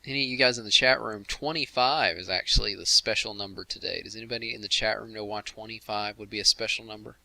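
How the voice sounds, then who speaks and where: Gravelly, bright-voiced chatty man. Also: fairly low pitch, fairly even intonation, fast, hardly any pauses, no room sound. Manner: chatty, laughs easily, addresses the chat room. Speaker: host of a game commentary stream. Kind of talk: casual livestream commentary.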